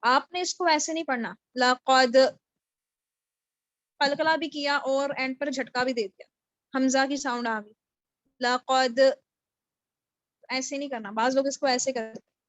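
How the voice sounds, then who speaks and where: Patiently explaining Quran recitation, a woman at home on a video call runs an online tajweed lesson and checks whether her students are following. Her high, fairly bright voice keeps a fairly even intonation, and the video call mic captures no room sound.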